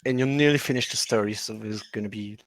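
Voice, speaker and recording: A man with a hoarse voice, coughing as he narrates a tabletop game as game master. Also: on the low side, no room sound. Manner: coughing, halting. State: hoarse, losing his voice.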